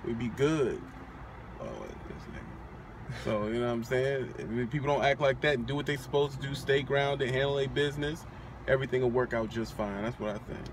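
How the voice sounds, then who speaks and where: A young man vlogging from a parked car in a relaxed, bragging tone, full of slang and cursing. He is picked up by a phone camera on the dashboard. Clear outdoor traffic noise runs underneath his voice. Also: mid-range voice, moderate pace. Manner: boastful, laid-back, slangy and profane. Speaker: vlogger, aspiring trucker. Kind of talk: casual chat.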